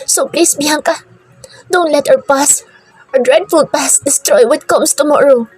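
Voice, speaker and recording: A woman doing a tender young man murmuring softly. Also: high voice, measured pace, soft background music, pitched above the performer's own voice. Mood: tender pleading. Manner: soft, murmured pleading. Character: devoted young man, gently soothing his lover.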